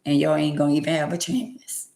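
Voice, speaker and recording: A woman's voice: low voice, level tone, fairly quick, gravelly, mellow, roomy sound. A woman around sixty, talking emphatically and repetitively in a preachy, casual way on her livestream. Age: 60s. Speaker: livestream host.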